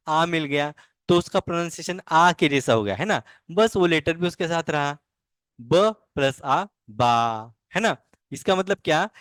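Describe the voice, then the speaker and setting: Patient male language teacher, slightly high voice, slow question-and-answer drilling. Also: fairly bright tone, dry recording, clean studio sound. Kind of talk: online language lesson.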